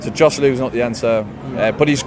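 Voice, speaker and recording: A man's voice: medium pitch, fast talker. Blunt wry man on a busy street. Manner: blunt, wry, colourful comparisons. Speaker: football fan interviewee. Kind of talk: casual opinion. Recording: crowd chatter behind.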